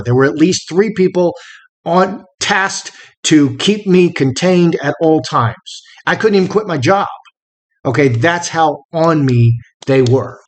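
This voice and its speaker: A man tells a story in a casual monologue, his voice sitting a little high. He speaks with emphatic energy and keeps repeating short phrases for effect. When he quotes people, he breaks into sharp shouted bursts. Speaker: storyteller recounting a personal fight.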